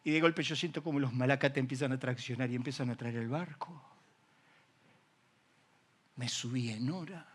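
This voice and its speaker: A man with a Rioplatense Spanish accent, a pastor preaching a sermon as an animated storyteller. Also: mid-range voice, moderate pace, long pauses.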